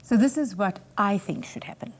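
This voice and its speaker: A woman's voice: medium pitch, normal speed, slight background noise. A South African woman speaking as a blunt, stern talent show judge, giving critical feedback to contestants.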